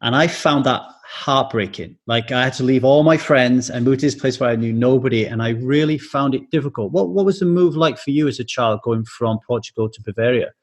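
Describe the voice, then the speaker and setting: A man's voice: medium pitch, a little fast, hardly any pauses. Earnest interviewer, a man. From England. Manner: earnest, shares own stories, stacks questions. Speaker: podcast host. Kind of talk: interviewing a guest.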